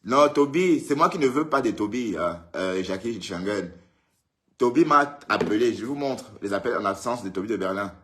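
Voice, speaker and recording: A man's voice: lowish voice, expressive, moderate pace, a bit bright. A man hosting a casual live stream, greeting viewers by name and teasing them in a chatty way. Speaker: livestream host. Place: indoors, at home in Europe.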